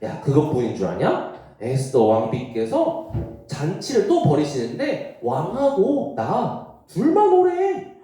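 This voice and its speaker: A man's voice: fairly high pitch, huge pitch swings, slow, mellow, full character voice. A man doing a gloating, boastful official. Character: boastful, spiteful royal official Haman. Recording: echoey room.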